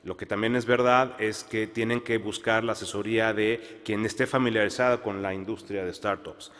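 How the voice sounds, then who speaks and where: A man's voice: fairly low pitch, steady tone, a bit bright. Man panelist in a reverberant hall. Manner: measured, many fillers and restarts. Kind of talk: panel discussion. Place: conference hall.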